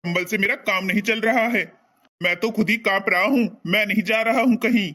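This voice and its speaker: A man's voice: sits high, brisk, sharp tone. A man playing a lazy young husband who grumbles about getting out of bed. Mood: grumbling.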